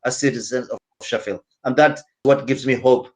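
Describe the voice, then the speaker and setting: A man's voice: medium pitch, steady tone, normal speed, a little mellow. A man from Somalia, speaking earnestly on a panel over a video call and repeating his key phrases. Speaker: community centre representative. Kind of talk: panel discussion.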